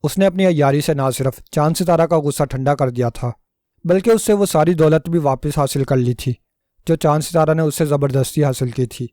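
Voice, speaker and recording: A man narrating a scripted story in a steady, measured way, recorded on a close mic. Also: a little high, no echo.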